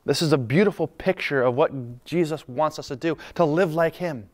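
A man preaching a sermon in an earnest, conversational way, dropping to soft, calm lines. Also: on the high side, moderate pace. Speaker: pastor.

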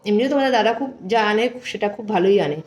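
A woman's voice: mid-range voice, expressive, racing. A middle-aged woman vlogging from her home, talking in a homely, chatty way to her viewers while holding her phone in one hand. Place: home, indoors. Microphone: phone held in one hand.

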